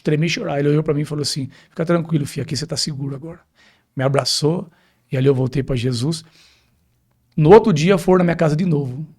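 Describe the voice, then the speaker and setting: A man's voice: on the high side, quick pace, a little mellow, breathy edge. A man with a Brazilian Portuguese accent, a pastor telling his personal testimony as a podcast guest, acting out the dialogue as he tells it. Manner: vivid storytelling, acting out quoted dialogue.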